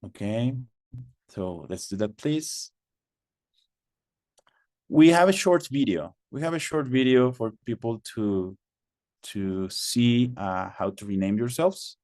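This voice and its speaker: Slow man hosting a webinar. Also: medium pitch, lively intonation, a little mellow, no echo, studio quality. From Mexico. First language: Spanish. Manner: patient, repeats instructions, many fillers. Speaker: webinar host. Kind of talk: online webinar moderation. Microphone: video call.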